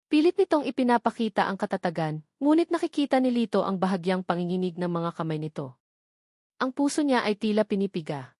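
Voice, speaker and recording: Her voice is mid-range and a little mellow as she, a Filipino-accented woman, narrates a scripted dramatic tale. The sound is dry and studio-clean.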